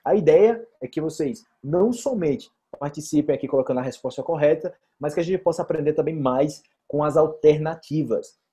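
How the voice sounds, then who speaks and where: A young man with a Brazilian accent, teaching Portuguese vocabulary on a live-stream quiz, chatty and lively, reading out viewers' comments. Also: on the high side, brisk, few pauses, breathy edge.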